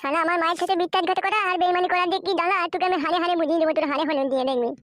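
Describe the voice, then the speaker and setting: A woman's voice: very high-pitched, steady tone, very fast, dry recording, studio quality. A woman voicing a foul-mouthed cartoon boy. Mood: defiant. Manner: shouting, rude.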